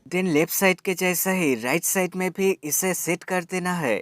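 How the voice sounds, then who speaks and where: Here a man's voice sits high and has a fairly bright tone, moving at a moderate pace over soft background music. He presents a tech product demo, explaining it step by step in an instructional way and treating viewers like friends.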